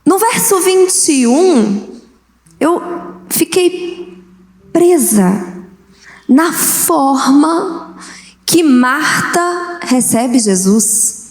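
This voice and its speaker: A woman bishop with a Brazilian accent preaching an animated sermon in a church, acting out the voices she quotes. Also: sits high, drawn-out words, pauses often. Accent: Brazilian Portuguese. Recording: echoey church hall.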